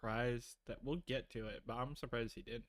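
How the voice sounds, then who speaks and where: A man's voice: mid-range voice, steady tone, fairly quick, dry recording. A man hosting a casual livestream review, laid-back and greeting viewers in the chat. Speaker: host.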